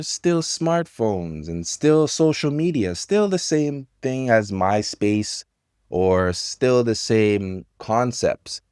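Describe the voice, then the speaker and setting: A man in his thirties teaching English to learners, talking about technology in slow, simple sentences with pauses. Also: medium pitch, a little mellow, smooth, dry recording, studio quality. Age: 30s.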